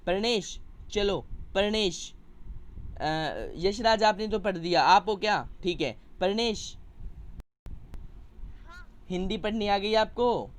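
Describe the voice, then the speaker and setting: A man's voice: high-pitched, slow, long pauses. Patient male Hindi teacher on a video call. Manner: patient, coaxing, explains word meanings to children. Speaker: primary school Hindi teacher. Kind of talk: online class lesson.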